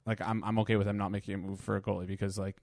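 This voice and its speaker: Lower-voiced laid-back man, dry sound. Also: flat delivery, very fast, creaky, a little mellow, no room sound. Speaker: podcast co-host. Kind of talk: casual sports chat.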